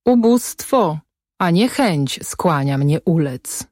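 A woman's voice: fairly low pitch, lively intonation, slow, a little mellow, no echo, clean studio sound. A woman reading the part of a poor old male apothecary in a stage play, cautious and reluctant. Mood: wary.

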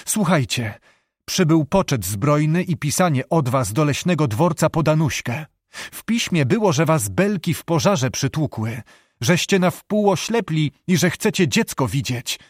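A man voicing an anxious noble duchess, speaking urgently and pleading in a raised, higher voice. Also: sing-song, unhurried, slightly rough, no echo, clean studio sound, full character voice.

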